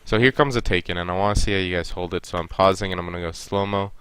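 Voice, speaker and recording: An esports coach reviewing a match, this young man has a low, slightly bright, smooth voice and talks rapid-fire. He sounds stuffy-nosed as he casually goes over the team's game and coaches the players directly.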